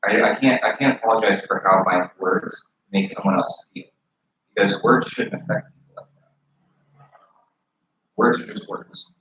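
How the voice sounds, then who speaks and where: A man's voice: on the low side, normal speed, long pauses, fairly bright tone, far from the mic. A man rambles earnestly through a casual argument, often restarting his sentences. He sits well back from the mic in a very echoey room, and the sound is dull with faint noise underneath.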